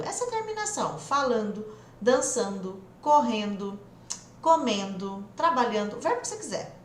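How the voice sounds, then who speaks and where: Female teacher, Brazilian accent, fairly high voice, energetic and direct, recorded in an echoey room. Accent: Brazilian Portuguese. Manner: lively, direct, stretches words for emphasis. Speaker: English teacher. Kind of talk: online English lesson. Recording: echoey room with faint noise.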